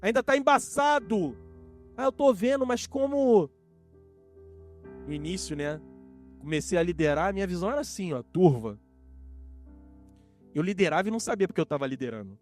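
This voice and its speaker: A male pastor with a Brazilian Portuguese accent delivers a sermon in a church. His voice sits a little high for a man and swings widely, as he acts out the voices of the people he quotes. Soft music plays faintly underneath. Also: big pitch swings, brisk, pauses often. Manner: preaching with sweeping rises and falls, acting out quoted voices. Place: church in front of a congregation.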